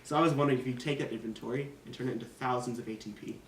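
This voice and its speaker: A man's voice: medium pitch, rapid-fire, close to an everyday voice. A young man playing a gullible, easily cheated businessman in a student skit, speaking earnestly. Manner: earnest then indignant, deadpan delivery. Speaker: student actor in class skit. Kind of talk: amateur school skit. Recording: echoey room, mic far off, faint noise.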